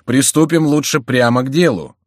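A man's voice: medium pitch, normal speed, a little mellow, dry recording, clean studio sound, voice pushed up, natural voice. A man voicing a mocking, sceptical Gascon nobleman itching to fight. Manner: sneering and doubtful.

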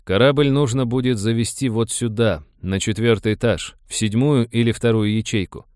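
A man voicing a calm, methodical male pilot who explains a plan step by step. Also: medium pitch, normal speed, clear, resonant tone, no echo, clean studio sound, natural voice. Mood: explaining.

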